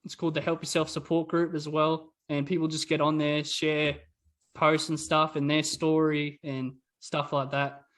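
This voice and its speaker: A man's voice: a little high, level tone, moderate pace, fairly bright tone. A young man hosting a casual podcast, talking with lots of ums and likes. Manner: hesitant, many ums and likes. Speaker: podcast host.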